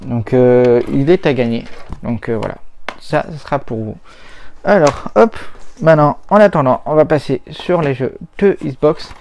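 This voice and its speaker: A man talking casually about old console games as he tests them, rambling and hesitant, often pausing on little filler words. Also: mid-range voice, darkish tone, a little hiss or hum. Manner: rambling, hesitant, full of "voilà" and "hop". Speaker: retro gaming YouTuber. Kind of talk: casual chat while testing games.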